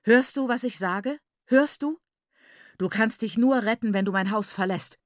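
A woman voicing an enraged, domineering middle-aged father who shouts and berates his daughter. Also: medium pitch, steady tone, fairly quick, no echo, studio quality, natural voice. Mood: threatening.

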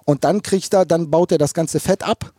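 A man's voice: on the high side, moderate pace, mellow, dry recording. A fish farmer talking casually in an interview, rambling and repeating words as he thinks aloud.

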